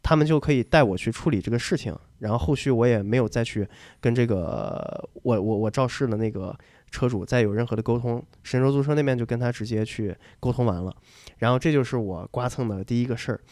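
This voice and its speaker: A man's voice: medium pitch, fast talker, no room sound. A young man, a podcast co-host, tells a story in casual chat, acting out the voices in it and often repeating himself. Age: young adult. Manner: lively anecdote telling, acting out dialogue, repeats words.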